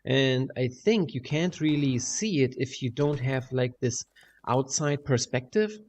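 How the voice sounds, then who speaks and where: A man's voice: mid-range voice, unhurried, darkish tone. A man with a German accent giving a casual, rambling, hesitant update with casual swearing, his voice echoing in a big room at home. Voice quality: echoey room sound. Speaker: video creator. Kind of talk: casual rambling update over game footage. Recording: big echoey room, clear background noise.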